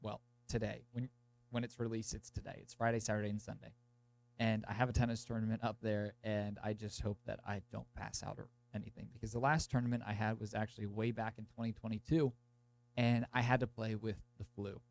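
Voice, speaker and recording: His voice fairly low, creaky and brisk with little pitch movement, a young podcast host casually introduces an episode to listeners. He rambles informally, says "like" often, and sounds congested from a cold, nose blocked and throat sore.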